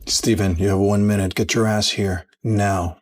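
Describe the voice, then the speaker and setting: A man's voice: lowish voice, fairly even intonation, normal speed, natural voice. An actor playing a young rich heir back home who speaks firmly and commandingly to those mocking his family. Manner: firm, commanding.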